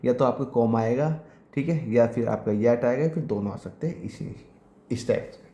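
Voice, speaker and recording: A man teaching an English grammar lesson for exam preparation, dictating example sentences slowly and repeating them word by word. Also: mid-range voice, dark tone, reverberant.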